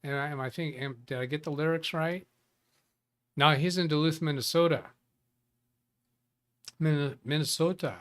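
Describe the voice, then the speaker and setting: Guy hosting a tech livestream, slightly high voice, super casual, chats with viewers and trips over his own sentences. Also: steady tone, moderate pace, a bit bright, clear, resonant tone. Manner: chatty, greets viewers by name, restarts sentences. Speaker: livestream tech show host. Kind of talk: casual live-stream chat.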